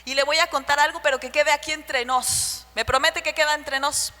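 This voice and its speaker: A woman preaching a sermon to the women of her church, with a shrill voice, sharing personal stories and asking the listeners rhetorical questions. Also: fairly even intonation, moderate pace, bright, forceful tone. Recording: church hall reverb with faint hum.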